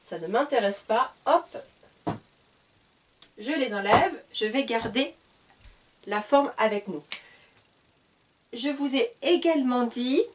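Slow, patient woman teaching at a whiteboard. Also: a little high, lively intonation, a little hiss or hum. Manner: patient, spells out letters, corrects herself. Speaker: French teacher. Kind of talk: slow whiteboard grammar lesson. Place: classroom at a whiteboard. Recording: voice a little far from the mic.

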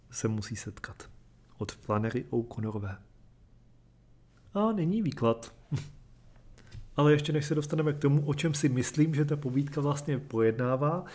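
Man reading literature aloud, measured. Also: mid-range voice, darkish tone. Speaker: reader and commentator.

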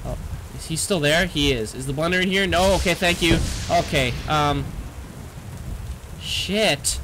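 A man's voice: on the high side, unhurried, noisy background. A young man narrating a horror game to his audience, jumpy and swearing, talking to himself and yelping in fright. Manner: jumpy, swearing, talks to himself, panicky yelps. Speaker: gaming YouTuber. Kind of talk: horror game let's play commentary.

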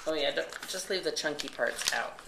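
A woman's voice: low-pitched, normal speed. A woman chatting casually as she helps someone along, picked up by a camera in noisy surroundings. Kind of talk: casual chat. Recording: very noisy, roomy, far from camera mic.

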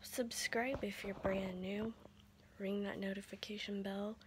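A young woman whose hoarse voice is giving out, often breaking into a whisper, chatting casually to camera. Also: mid-range voice, flat delivery, a little slow. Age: young adult. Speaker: vlogger. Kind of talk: casual rambling chat to camera. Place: small indoor bedroom. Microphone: handheld phone close to face. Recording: noticeable background noise, handheld phone.

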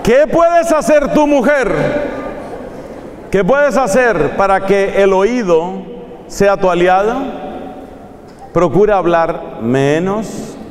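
A man's voice: high voice, lively intonation, takes it slowly, long pauses, slight background noise. A man preaching a sermon in a playful, teasing manner, drawing out emphatic phrases. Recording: echoey hall with long reverb.

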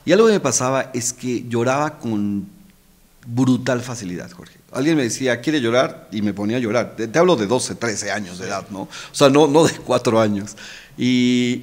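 A middle-aged man, talking as a podcast guest in a heartfelt, emotional way, often repeating words and adding little tag questions. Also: medium pitch. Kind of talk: casual heartfelt conversation. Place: podcast studio.

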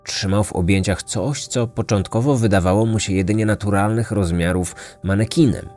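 A man reading a scripted true-crime story in a measured, dramatic way. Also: on the low side, a little mellow, soft background music. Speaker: podcast narrator.

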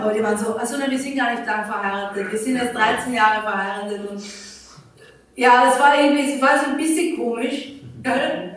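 A woman pastor, preaching a sermon as a chatty personal story and acting out her own inner dialogue. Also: fairly high pitch. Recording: roomy hall, voice from a distance.

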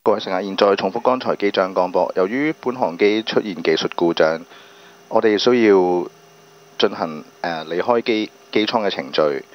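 A man's voice: sits low, moderate pace. A man working as a flight attendant, making formal announcements to passengers. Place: aircraft cabin, over the PA. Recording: muffled cabin PA with aircraft hum.

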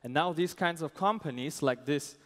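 A man, a startup founder giving a halting, pitch on a conference stage. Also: fairly bright tone. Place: stage in a large event hall. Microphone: headset. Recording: amplified voice in large reverberant hall.

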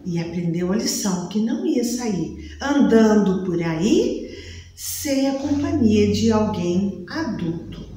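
A woman telling a children's story in an animated, playful way. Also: medium pitch, slow, a little hiss or hum. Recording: echoey room, mic at a distance.

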